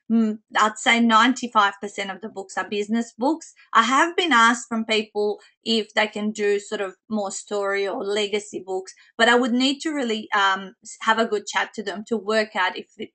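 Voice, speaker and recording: A woman with a slightly squeaky voice presenting an informal online coaching call in a chatty way. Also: sharp tone.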